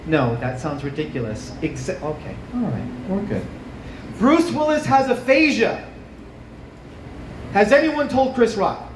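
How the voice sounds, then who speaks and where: A man in his thirties doing a stand-up comedy set into a handheld mic, animated, jumping to high yelps on punchlines, with an audience laughing. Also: unhurried, long pauses. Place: small outdoor rooftop stage with plants. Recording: distant camera, roomy echo, noisy ambience. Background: live audience laughter.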